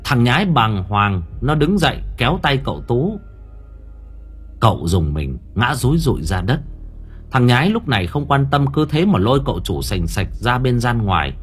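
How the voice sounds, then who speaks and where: A man's voice: mid-range voice, very animated, moderate pace, husky, faint music behind. A man narrating a horror story for an audiobook in a vivid, dramatic way.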